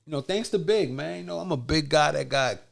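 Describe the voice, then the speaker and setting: A man's voice: on the high side, lively intonation, a little fast, creaky. A man with a Queens, New York accent co-hosting a podcast with slangy, boastful, playful casual banter. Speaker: podcast co-host.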